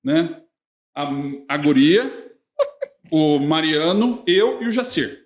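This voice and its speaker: A man's voice: on the high side, sing-song, slow, creaky. A male sports journalist, telling anecdotes in a casual podcast chat with frequent laughter. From Brazil.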